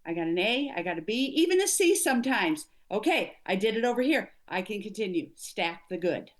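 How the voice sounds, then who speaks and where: A woman's voice: mid-range voice, sing-song, fairly quick. A middle-aged woman, an executive coach, speaking earnestly and emphatically as an interview guest. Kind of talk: conversational interview.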